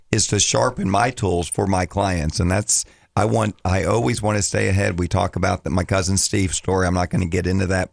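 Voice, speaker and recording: A man with a low, very creaky voice, scratchy as if his throat is worn from talking. He speaks as a financial coach in casual radio talk, circling back and repeating phrases as he goes. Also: no room sound. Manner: rambling, repeats and restarts phrases. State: scratchy, slightly hoarse voice from much talking. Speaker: financial coach, show regular.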